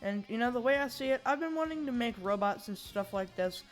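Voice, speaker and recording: A woman's voice: fairly high pitch, lively intonation, a little fast, soft background music. A woman giving a casual, rambling tech demo, with slightly slurred S sounds from braces and a bite plate. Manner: informal, rambling, thinking aloud. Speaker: hobbyist programmer demonstrating a project.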